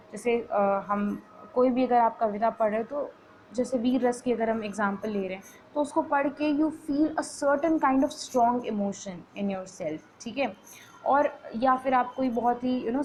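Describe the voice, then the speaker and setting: A woman's voice: on the high side, darkish tone, slight background noise, poor audio. A woman lecturing on teaching poetry, mixing Hindi and English, who keeps adding a "theek hai" check as she explains.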